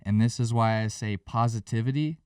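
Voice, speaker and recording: A man's voice: medium pitch, moderate pace, darkish tone, smooth, no room sound, clean studio sound, recorded from a distance. A man co-hosting a trading podcast, speaking earnestly and giving the listeners advice. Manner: earnest, preachy, addresses the audience. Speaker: podcast co-host. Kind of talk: podcast conversation.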